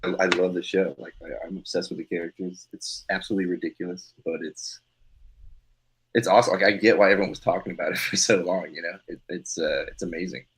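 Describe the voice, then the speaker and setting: A man's voice: deep voice, fairly even intonation, quick pace, slightly rough, poor audio. A man co-hosting a podcast, chatting casually with frequent laughs, fillers and restarts. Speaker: podcast co-host. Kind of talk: casual chat.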